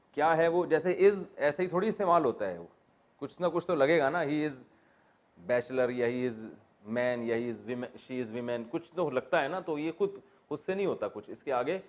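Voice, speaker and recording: A man teaching a classroom lesson on Quran exegesis, taking his students through Arabic word forms. He keeps asking the class questions and drops in light joking asides as he goes. His voice sits at an ordinary middle pitch for a man.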